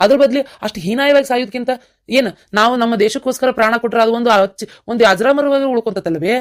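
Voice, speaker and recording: Voice actor doing a stubborn cartoon village guy wanting to be a soldier, north karnataka accent, talks fast, mid pitch. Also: close to an everyday voice. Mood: determined. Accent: North Karnataka Kannada. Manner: earnest, stubborn. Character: young man determined to become a soldier. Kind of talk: cartoon voice acting.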